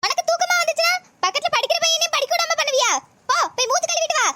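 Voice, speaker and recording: A very high, bright voice of a woman playing a cartoon village schoolteacher. She is stern and exasperated, scolding in a nagging southern Tamil Nadu accent. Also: racing. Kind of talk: comedy skit voice acting.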